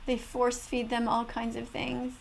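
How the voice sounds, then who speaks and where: A woman's voice: a little high, completely flat delivery, measured pace, vocal fry, slight background noise. A woman giving earnest, emphatic, moralizing reaction commentary as an animal rights advocate.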